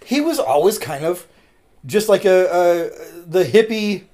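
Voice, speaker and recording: In an unhurried, high-sitting voice, a man hosting a podcast talks casually, his delivery rambling, animated and packed with fillers.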